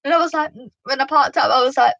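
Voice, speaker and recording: Bright-voiced chatty British woman. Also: high voice, fast talker, gravelly, dull audio. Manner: chatty and animated, full of "like" and "you know". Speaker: vlogger giving driving advice. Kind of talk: casual storytelling to camera.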